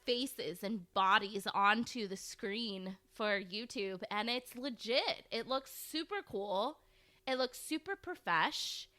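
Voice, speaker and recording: A woman co-hosting a podcast in casual, slangy banter, with a halting, giggly way of talking. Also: mid-range voice, pushed and bright. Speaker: podcast co-host.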